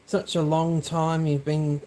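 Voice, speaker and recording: A woman's voice: low-pitched, level tone, slow, dark tone. A woman live streamer chatting casually and relaxedly with her viewers. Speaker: live streamer reacting to a video.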